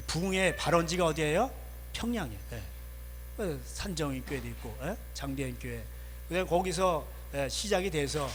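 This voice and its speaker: A man's voice: on the high side, long reverb tail, a little hiss or hum. A male pastor preaching a conversational sermon. He asks rhetorical questions and answers his own points with short affirming asides. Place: church sanctuary.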